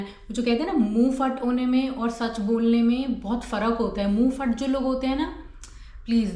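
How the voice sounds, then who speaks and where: A woman's voice: on the high side, darkish tone. Woman giving advice in an echoey room. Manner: mixes English words into Hindi, acts out little dialogues. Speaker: self-help video host. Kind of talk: casual advice talk.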